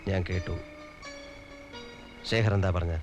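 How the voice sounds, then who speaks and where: An actor playing a stern, protective elder brother who speaks in low, firm, measured warnings, in an old film soundtrack. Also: male voice, fairly even intonation, big-room sound, muffled recording, music in the background. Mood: soothing. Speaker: lead actor in a crime drama film.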